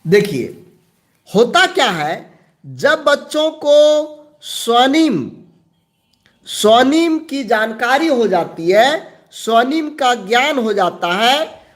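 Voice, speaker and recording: A male teacher giving an exam-prep lecture, slowly repeating key terms and answering his own questions. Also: very high voice, very animated, a bit bright.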